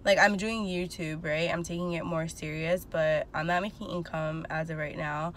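A woman's voice: low-pitched, fairly even intonation, normal speed, slight background noise. A woman in her twenties talking casually into her phone while sitting in her car, rambling candidly with lots of fillers. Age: 20s. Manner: chatty, filler-heavy, candid. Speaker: vlogger. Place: inside a car, parked. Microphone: phone at arm's length.

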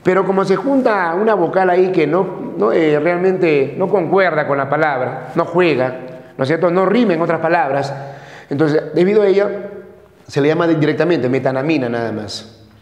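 A man's voice: a little high, normal speed, muffled recording. A man from Peru lecturing a chemistry class, who repeats each term and keeps checking that the students follow. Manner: repeats terms, checks with frequent questions. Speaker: chemistry teacher. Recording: echoey classroom with long reverb.

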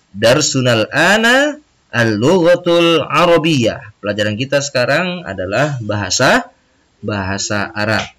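A man's voice: medium pitch, a bit bright. A man with an Indonesian accent teaching a recorded Arabic lesson for children, drawing out words and repeating them for pupils to echo.

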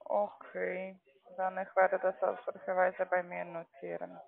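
Over a muffled, narrow phone connection, a male call centre agent pitches trading accounts in broken phrasing; his first language is not German. His voice is high and gravelly, completely flat and slow.

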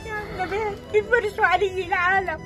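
Very high-pitched elderly Syrian woman, crying angrily. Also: steady tone, fairly quick. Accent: Syrian Arabic. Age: 70s. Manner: anguished, aggrieved pleading in broken phrases. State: crying, distressed. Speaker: interviewee. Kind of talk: emotional street interview. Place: outdoors among a crowd. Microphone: handheld reporter's microphone. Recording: outdoor news clip with crowd and music.

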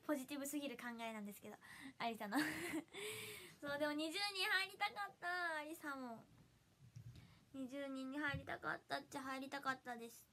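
A woman's voice: high voice, lively intonation, normal speed, pushed and bright, slight background noise. A young woman from Hiroshima with a Hiroshima accent, chatting casually with viewers on a livestream, giggly and bubbly with frequent laughter. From Hiroshima, Japan. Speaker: idol livestreamer. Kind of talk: casual livestream chat reading viewer comments.

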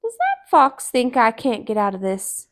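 A woman's voice: a little high, wildly swooping pitch, unhurried, a bit bright, heavily acted. A woman voicing a sly, cheerful male storybook rabbit who talks in a breezy, confident way. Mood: cocky.

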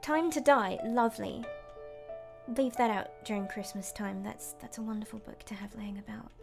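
Playing a horror game, a gamer and voice actress offers casual, nervous, hesitant commentary and often mutters under her breath. Her mid-range voice is creaky and moves at normal speed, with game music playing behind her.

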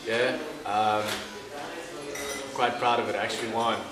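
A man's voice: on the low side, level tone, measured pace. Young cape town guy cracking self-deprecating jokes, south african accent, echoey room. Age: young adult. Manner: jokey, self-mocking, lots of fillers. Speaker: comedian guest. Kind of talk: casual interview chat. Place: indoor studio set, couch.

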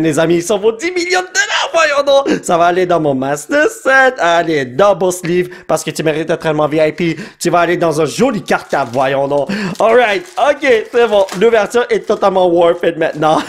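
A man with a Quebec French accent hosting a casual card-opening video, excitable, breaking into shouts and laughs and dropping English words. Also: a little high. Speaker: card-opening channel host. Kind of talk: casual pack-opening commentary.

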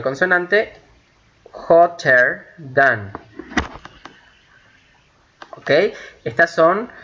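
Bright-voiced man teaching English grammar. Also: fairly high pitch. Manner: patient, repetitive, checks understanding with frequent "ok?"; switches between Spanish and slow, carefully spoken English. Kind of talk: recorded online lesson explaining grammar. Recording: dull lo-fi home recording with faint hiss.

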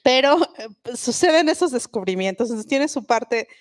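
With a slightly high, animated voice at normal speed, a reflective woman from Oaxaca talks at a book festival as a guest linguist; Mixe is her first language. The sound is dry and close with no echo, and she explains while often restarting.

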